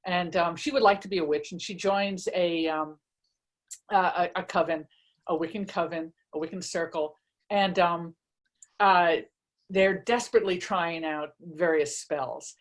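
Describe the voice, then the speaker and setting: A woman author with a lowish, steady voice talks casually about her books and reads aloud at a measured pace. She comes across chatty and self-deprecating, presenting her own work in a conversational book talk.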